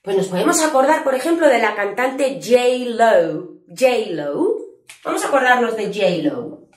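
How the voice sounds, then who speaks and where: Lively woman teaching slowly. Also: a little high, reverberant. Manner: lively, clear and patient, drawing out letter sounds to show them. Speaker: English teacher. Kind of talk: spoken lesson for Spanish speakers.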